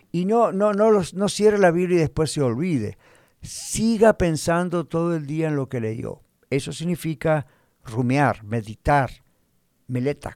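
A man's voice: medium pitch, a little mellow, dry recording. Earnest man preaching in a dry room. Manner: earnest, repetitive, addresses listener directly; uses homely everyday examples. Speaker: pastor. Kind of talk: teaching sermon.

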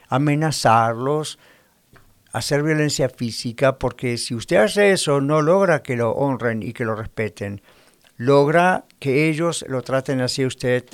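A man's voice: mid-range voice, dry recording, clean studio sound. A man preaching on the radio as a pastor, emphatic, repeating words as he presses his points and acting out his listeners' complaints. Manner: acts out listeners' quoted complaints. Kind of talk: radio sermon.

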